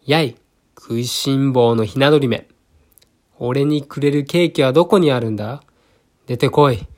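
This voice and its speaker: Man playing a bullying cat, storybook villain, gruff and threatening. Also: mid-range voice, a little slow, natural voice.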